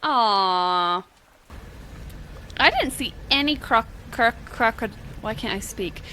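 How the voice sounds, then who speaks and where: A woman's voice: fairly high pitch, animated, pushed and bright, a little hiss or hum. A woman giving playful, chatty gameplay commentary and reading game text aloud. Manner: chatty, playful, quick asides. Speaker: gaming video creator.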